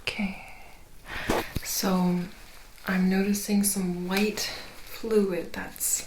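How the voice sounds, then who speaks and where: A woman speaks very softly, mostly in a soft voice, in an ASMR ear-exam role-play. She plays a gentle clinician who explains each step at a slow pace. The recording carries clear noise with small clicks. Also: mid-range voice, level tone.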